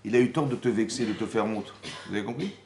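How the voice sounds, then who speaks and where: A man giving a lively Torah class as rabbi, asking the room rhetorical questions and acting out the dialogue he explains. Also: lowish voice, fast talker, vocal fry, a little hiss or hum. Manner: animated, acts out quoted dialogue, rhetorical questions. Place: Paris community hall.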